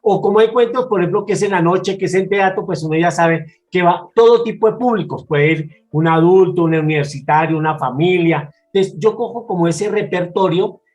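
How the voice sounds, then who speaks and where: Animated Colombian storyteller man from Bogotá. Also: high-pitched, brisk, hardly any pauses, rough recording. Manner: animated, expressive, with frequent restarts. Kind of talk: casual interview talk.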